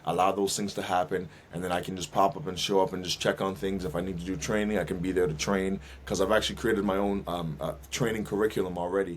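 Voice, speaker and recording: Deep-voiced man with a faint background hiss. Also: level tone, fast talker, hardly any pauses. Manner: thoughtful, many fillers and restarts. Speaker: guest, minister and auto detailing business owner. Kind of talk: casual interview conversation.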